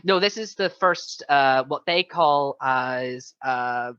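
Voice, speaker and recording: A man co-hosting a casual chat about video games, retelling things in an animated way and acting out quotes. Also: mid-range voice, slow pace, clean tone, no room sound. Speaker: podcast co-host. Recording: dull, muffled lo-fi sound.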